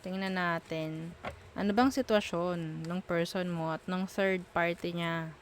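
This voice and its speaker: A woman's voice: lowish voice, steady tone, unhurried, slight background noise. A woman doing a casual tarot reading, frank and musing as she thinks aloud between the cards. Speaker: tarot reader.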